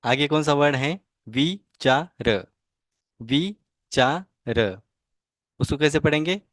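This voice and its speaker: A man with a Marathi accent, teaching an online language lesson and reading out each word slowly, several times over, for students to repeat. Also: fairly high pitch, a bit bright, dry recording. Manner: slow, drawn-out repetition of each word for students to copy.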